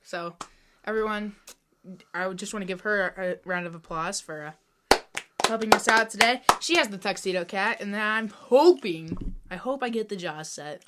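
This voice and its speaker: A woman co-hosting a casual podcast, chatty and enthusiastic, quick to tease her co-host. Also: medium pitch, very noisy.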